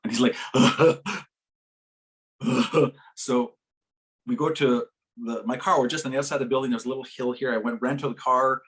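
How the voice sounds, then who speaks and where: Animated man telling a story in a workshop. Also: fast talker. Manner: animated, acts out quoted voices with big pitch jumps; laughs as he talks. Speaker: workshop presenter. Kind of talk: storytelling talk to a live audience. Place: conference workshop session.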